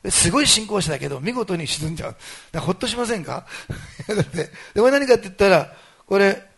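A man preaching a sermon to his congregation, telling the story in a lively way that swings between loud exclamations and quiet asides. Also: high-pitched, fast talker, creaky, husky. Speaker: pastor.

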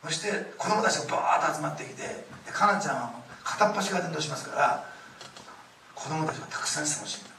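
A middle-aged man preaching a sermon, telling stories with lively acted-out quotes, in a church hall. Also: fairly high pitch, fast, noisy background. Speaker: pastor. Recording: echoey room, distant mic, faint ambience.

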